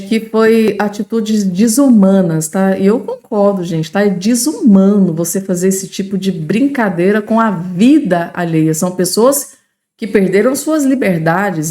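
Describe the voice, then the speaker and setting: A woman with a Brazilian accent comments on the news informally, talking straight to viewers. Her voice sits at a middle pitch, and she is emphatic, repeating points and adding colloquial tags. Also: animated, unhurried, mellow.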